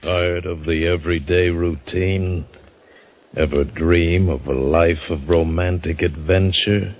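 An actor playing an ominous American announcer of adventure tales in a vintage radio drama introduction. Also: male voice, deep voice, fairly even intonation, takes it slowly. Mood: ominous, enticing. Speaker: old-time radio announcer. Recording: dull old radio recording with hum.

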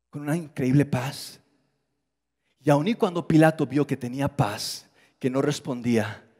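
A man preaching a sermon as pastor, animated, acting out quoted voices and dropping low for emphasis. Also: slightly rough, in a large hall.

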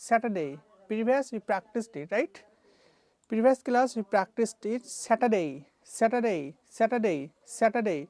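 A woman's voice: mid-range voice, darkish tone, no echo. A woman teaching English pronunciation, repeating each word several times as a drill. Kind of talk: classroom lesson mixing English and Bengali.

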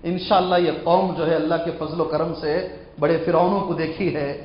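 A high-pitched male scholar delivers a fervent Quran lesson, quizzing his audience and climbing to impassioned crescendos. The recording is dull and lo-fi, with the echo of a large hall around him. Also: steady tone. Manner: fervent, rising to impassioned peaks, questions the audience.

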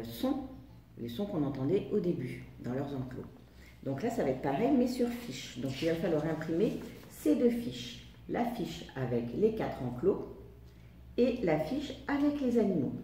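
A woman teacher giving a lesson to young children, talking slowly in a sing-song way and stretching out sounds. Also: low-pitched, dark tone, roomy sound, far from the mic.

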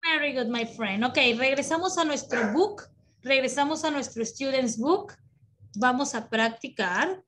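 A woman teaching English to children over a video call, encouraging and slow, switching between English and Spanish. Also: high voice, a bit bright. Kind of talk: online children's class.

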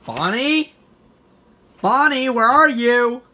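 A performer voicing a dim, excitable male animatronic bear in a homemade puppet skit, who keeps swinging between shouts and mumbles. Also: medium pitch, takes it slowly, pitched above the performer's own voice. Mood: goofy.

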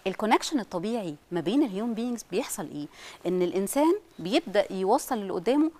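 A woman with an Egyptian Arabic accent talks at a breakneck pace as a parenting specialist. She is animated and slips into the voices of the parents she describes, all in a mid-range voice. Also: medium pitch, racing. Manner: animated, acts out what parents say. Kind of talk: studio talk show discussion.

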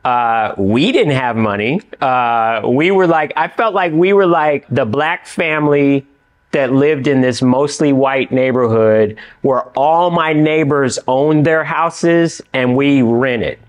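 Animated middle-aged man in a studio interview. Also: medium pitch, takes it slowly. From California. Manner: animated, gestures with both hands, lots of "you know what I mean". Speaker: actor and writer, interview guest. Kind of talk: casual interview chat. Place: indoor studio with dark backdrop.

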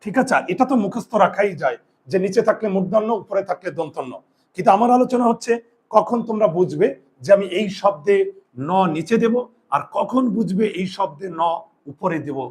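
A man's voice: sits high, expressive, brisk, darkish tone. A man teaching a spelling lesson to students, repeating each rule and asking questions he then answers himself. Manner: repeats rules, asks and answers own questions. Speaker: Bengali grammar teacher.

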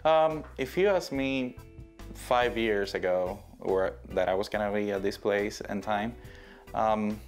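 A man in his thirties from Cuba talks in a very low voice, thoughtful and a little hesitant, from inside an indoor studio. Faint music runs softly behind. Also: measured pace. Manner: soft, thoughtful, hesitant fillers. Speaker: painter interviewed. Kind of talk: reflective interview.

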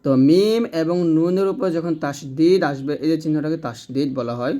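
A man's voice: on the high side, a little fast, mellow. A man teaching Quran reading step by step, patiently repeating and demonstrating letter sounds. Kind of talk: step-by-step lesson.

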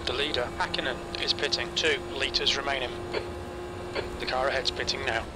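A man's voice: mid-range voice, normal speed, very noisy. Man giving terse pit radio calls. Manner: clipped, calm, matter-of-fact. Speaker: race engineer spotter.

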